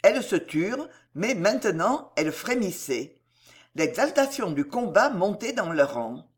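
An audiobook narrator who reads with drama and vivid colour, the pitch rising and falling widely from phrase to phrase. The voice sits at a medium pitch and carries the action of the scene. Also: big pitch swings, measured pace, slightly rough. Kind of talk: scripted narration of a historical adventure novel.

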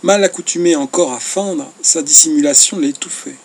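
A man narrating a classic novel as an audiobook in a measured, expressive reading. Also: on the high side, husky.

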